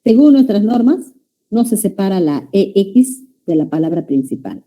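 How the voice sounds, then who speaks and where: A language teacher lectures her class in a mid-range, mellow, sing-song voice at a moderate pace. She calls her students "jóvenes" and keeps checking they follow with "¿ya?".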